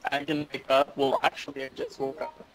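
A man's voice: mid-range voice, flat delivery, brisk, crowd noise, poor audio. A man chatting casually with a friend while playing a game, teasing in a dry way. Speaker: co-player. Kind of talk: casual chat while gaming.

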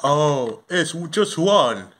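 A man voicing a friendly, cheerful puppet king in a homemade puppet show. He talks in an animated, encouraging way and leads the counting and cheering. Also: fairly high pitch, very slow, background noise, full character voice. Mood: upbeat.

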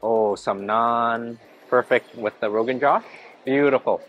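Male food vlogger, 30s, eager casual narration on a handheld camera in a big indoor buffet hall, soft music underneath. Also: mid-range voice, measured pace. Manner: enthusiastic, narrates each dish as he eats. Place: large indoor hotel buffet restaurant. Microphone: handheld camera at arm's length.

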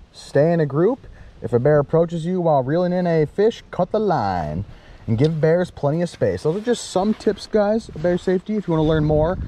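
Warm-toned and on the high side, this thirtysomething fishing vlogger talks upbeat and casually to a handheld camera held at arm's length, addressing viewers as guys. He's outdoors in a parking lot by a river trail, with slight background noise.

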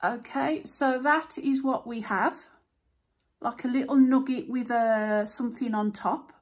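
A woman's voice: a little high, fairly even intonation, a little slow, husky. A woman vlogging at home in a casual, chatty way, thinking aloud with fillers as she shows things and tastes food. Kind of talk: casual chat.

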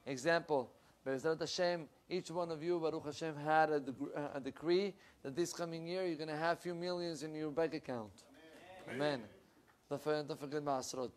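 Speaking at a normal pace in a higher voice, a young rabbi gives a lively Torah lesson with big shifts in pitch and loudness and energetic hand gestures. A lapel mic picks him up in a wood-panelled room with bookshelves.

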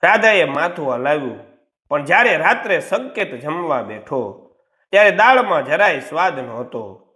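A man narrating a scripted moral story with expressive, dramatic storytelling. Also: fairly high pitch, moderate pace.

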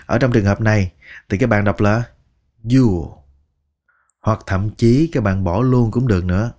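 Slow, patient Vietnamese male teacher. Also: lowish voice, a little mellow. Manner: slow, patient, repeats words one by one. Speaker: English teacher. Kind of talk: language lesson narration.

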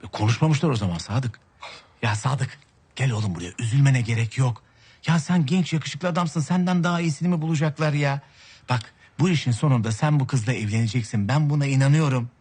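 A man's voice: medium pitch, fairly quick, a little mellow, breathy edge, lightly acted. An actor playing a scheming, lazy man who wheedles his wife and brother with melodramatic complaints. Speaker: actor in a TV comedy series.

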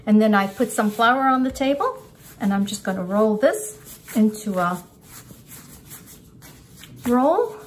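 This is an older woman teaching cooking in a relaxed, unscripted way, explaining each stage at the counter of a home-style kitchen. Her medium-pitched voice has lively intonation and a measured pace, with frequent pauses. The clip clearly picks up kitchen clatter and ambient noise.

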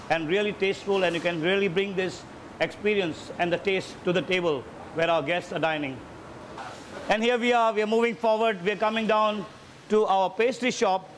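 Walking through a ship galley, a male executive chef explains his kitchen informally, repeating words as he collects his thoughts. He has a high voice with slight background noise.

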